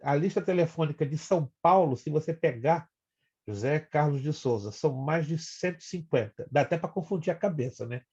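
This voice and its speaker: A man's voice: fairly high pitch, brisk, mellow, breathy edge, dull audio. A man with a Brazilian Portuguese accent, a pastor teaching an online Bible class in a chatty, teasing way and explaining step by step over a video call.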